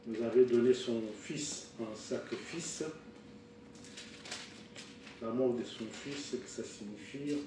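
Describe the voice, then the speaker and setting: A man in his sixties preaching a sermon, halting with fillers and restarts. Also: medium pitch, background noise. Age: 60s. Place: church hall. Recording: echoey room, picked up from far off.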